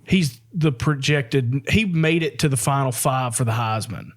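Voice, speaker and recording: A man's voice: medium pitch, unhurried. Laughing man chatting on a podcast. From American South. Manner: rambling, laughs often, restarts. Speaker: podcast co-host. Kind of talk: casual chat.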